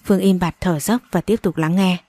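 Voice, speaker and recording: A woman's voice: fairly low pitch, steady tone, fairly quick, warm tone, no echo. A woman reading a dramatic story aloud and voicing every character with strong emotion. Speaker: audiobook narrator. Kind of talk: storybook narration with acted dialogue.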